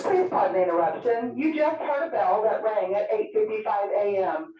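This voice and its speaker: Woman on an echoey school intercom. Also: on the high side. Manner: formal, polite, reads out a reminder. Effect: school intercom loudspeaker. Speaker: school staff announcer. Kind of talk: scripted public announcement. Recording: very echoey loudspeaker heard from far off in a busy classroom.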